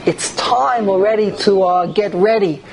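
A man's voice: sits high, measured pace, vocal fry. A man gives an informal religious lecture to a group, repeating phrases and asking rhetorical questions. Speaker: rabbi giving a religious class. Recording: noisy live room recording.

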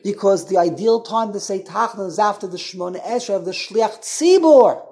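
A man teaching an informal Torah class as a rabbi, talking in an animated way and repeating himself. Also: sits high, normal speed, gravelly. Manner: animated, repetitive, mixes Hebrew and Yiddish terms.

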